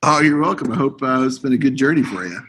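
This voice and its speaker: Relaxed rambling Connecticut man. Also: medium pitch, fast, a little hiss or hum. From Connecticut, USA. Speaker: guest, fitness coach. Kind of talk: podcast interview.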